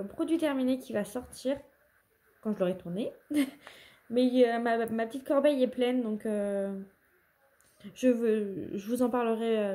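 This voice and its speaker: A woman's voice: a little high, mellow. A woman chatting casually in a home haul vlog, rambling and correcting herself as she goes. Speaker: vlogger.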